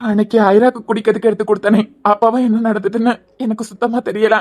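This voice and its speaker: A woman's voice: a little high, little pitch movement, quick pace, darkish tone, natural voice. A woman voicing a resigned young man in a cartoon serial, with a Kanyakumari Tamil accent. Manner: pleading, resigned. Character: meek young man deferring to his mother.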